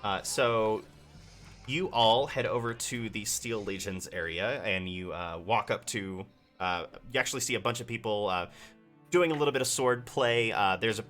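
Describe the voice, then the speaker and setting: A man narrating as game master of a tabletop game, relaxed and hesitant with many fillers. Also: fairly low pitch, normal speed, faint music behind.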